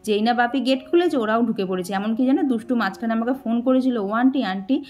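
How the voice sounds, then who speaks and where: Woman vlogger, quick chatty voice-over, slightly high voice, faint music behind. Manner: chatty, addresses viewers warmly as "dear". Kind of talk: casual vlog narration.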